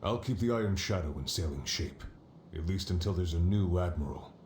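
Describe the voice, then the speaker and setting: An actor playing a gruff, weary old hard-drinking sailor in a video game. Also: male voice, deep voice, expressive, a little fast, a little mellow, echoey room, slight background noise. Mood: reflective. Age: older. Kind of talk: video game dialogue acting.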